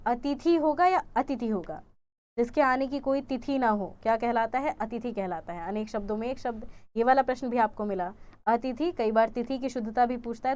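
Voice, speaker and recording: A young woman teacher runs an exam-prep grammar lesson in a fairly high voice. She keeps quizzing her viewers and repeats each answer choice as a question. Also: a little mellow.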